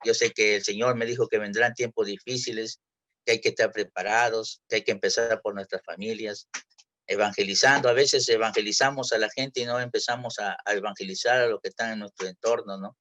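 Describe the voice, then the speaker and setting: A man from Peru, giving an earnest personal testimony in church, halting and full of restarts. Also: lowish voice, fairly even intonation, sharp tone. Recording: dull lo-fi church recording.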